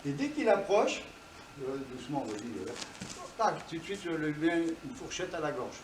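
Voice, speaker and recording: A man's voice: a little high, expressive, moderate pace, background noise. A man teaching self-defense to a class, explaining each move while he demonstrates it and punctuating strikes with sound words. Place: dojo, indoors. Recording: roomy hall, distant mic.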